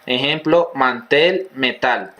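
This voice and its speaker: A man reading a grammar lesson aloud in a steady, measured, list-like way. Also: medium pitch, highs cut off.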